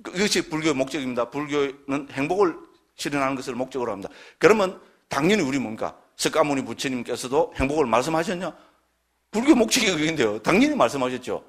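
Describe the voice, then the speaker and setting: Emphatic Buddhist lecturer, higher male voice. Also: animated, fast. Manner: keeps checking in with tag questions, emphatic.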